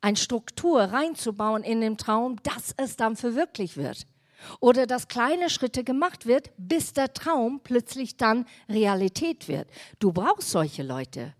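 A woman's voice: on the high side, animated, takes it slowly. A woman pastor giving a sermon, speaking emphatically and putting questions straight to the congregation. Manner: addresses the congregation directly with questions.

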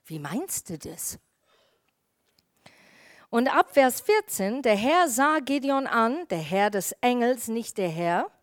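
Woman pastor preaching, animated storytelling. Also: on the high side, a little slow, few pauses, no echo, studio quality. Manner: storytelling, acts out quoted dialogue. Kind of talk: sermon.

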